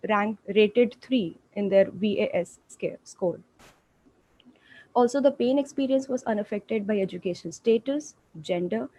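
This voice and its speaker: A woman's voice: mid-range voice, mellow, no room sound. A woman doctor presenting her study at an online conference and answering questions politely, often correcting herself. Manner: polite, deferential, frequent self-corrections.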